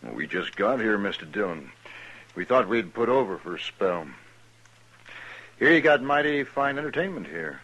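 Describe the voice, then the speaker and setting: Smirking outlaw gunman, very low husky voice, slow mocking drawl. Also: very animated, fairly bright tone, lo-fi sound, full character voice. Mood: taunting. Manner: smooth, taunting, drawling. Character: cocky smirking male gunslinger, menacing. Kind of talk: 1950s radio drama acting.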